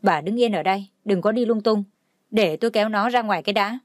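A woman's voice: mid-range voice, fast, dry recording, clean studio sound, lightly acted. A woman voicing a stern father who barks orders at his son. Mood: angry. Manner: barking orders. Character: stern angry father, harsh and commanding.

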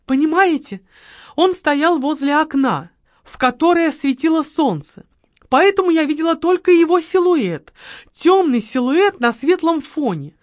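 A woman's voice: high voice, lively intonation, a little slow, no echo, clean studio sound, pitched above the performer's own voice. A woman voicing a theatrical, self-pitying widow who pleads and sighs melodramatically. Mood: dramatic pleading.

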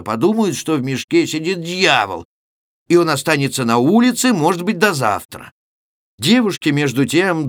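A man's voice: mid-range voice, a bit bright, dry recording, studio quality. A male professional announcer reading a classic story aloud in a theatrical, vivid storytelling manner. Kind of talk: expressive literary audiobook reading.

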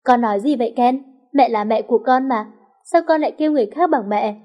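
A woman's voice: on the high side, quick pace, dull audio, natural voice. A woman voicing a scheming estranged mother who pleads and threatens. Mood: shocked. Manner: pleading, then sly and threatening.

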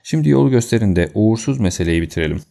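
A man reading an audiobook, voicing a sharp, decisive male detective with a brisk, commanding manner. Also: lowish voice, animated, gravelly.

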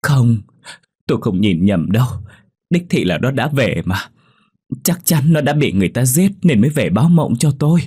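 A man's voice: medium pitch, expressive, moderate pace, mellow, husky, dry recording, clean studio sound, pitched above the performer's own voice. A man voicing a frantic, grieving old village grandmother who wails and pleads. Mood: insistent. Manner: wailing, pleading, insistent.

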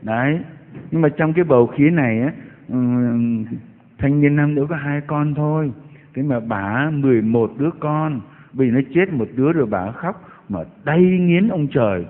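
Priest telling stories with mocking asides. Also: male voice, a little high, measured pace. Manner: storytelling with mocking exclamations. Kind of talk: sermon. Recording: echoey hall over tinny broadcast line.

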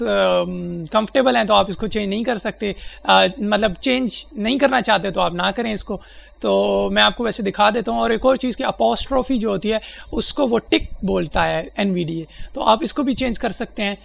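A man walking through software settings step by step in a spoken tutorial, pausing often with hesitant fillers. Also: sits high, creaky. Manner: explains step by step with frequent hesitations. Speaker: presenter demonstrating a screen reader.

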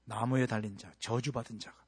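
Husky-voiced preacher in a reverberant hall. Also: male voice, mid-range voice, fairly even intonation, a little fast. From Busan, South Korea. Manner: dramatic, swinging from hushed to shouted quotes. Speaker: pastor. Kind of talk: sermon. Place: church sanctuary.

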